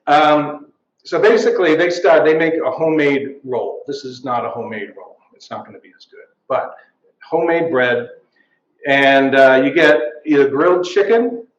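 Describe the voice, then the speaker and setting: A man's voice: medium pitch, slight background noise. A man giving a chatty, jokey show-and-tell at a live event, full of wry asides. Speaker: local writer presenting. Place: art gallery at a live event. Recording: roomy, dull live recording.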